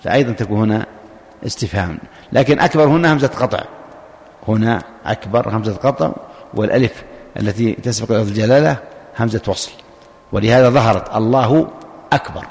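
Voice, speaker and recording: A man's voice: lowish voice, quick pace, vocal fry, pauses often, darkish tone, slight background noise. A man teaching a religious lesson, explaining a text step by step, repeating key points and asking and answering his own questions. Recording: long hall reverb.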